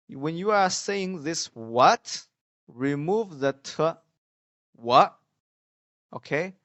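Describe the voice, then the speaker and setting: A man gives a beginner pronunciation lesson. He speaks slowly and patiently and calls out example syllables loudly. The sound is dull and lo-fi, with a dry, close feel. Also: medium pitch, dry recording. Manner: slow, patient drilling of sounds, often loud on examples. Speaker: Mandarin teacher.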